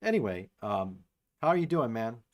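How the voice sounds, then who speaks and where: A man hosting a casual livestream from his home studio, talking loosely with lots of fillers while a saxophone warms up. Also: mid-range voice, sing-song, normal speed. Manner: loose and rambling, many fillers. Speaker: livestream host and musician. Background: saxophone warming up.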